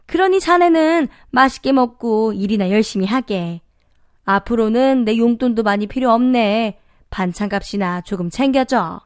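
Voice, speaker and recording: An older mother-in-law played by a woman storyteller speaks down to her son-in-law in old-fashioned, commanding phrasing. The voice sits a little high and rings clear and smooth. The recording is dry and close, with no room sound. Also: normal speed, no room sound, natural voice. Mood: kindly. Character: older mother-in-law, bossy then softened. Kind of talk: storytelling radio reading.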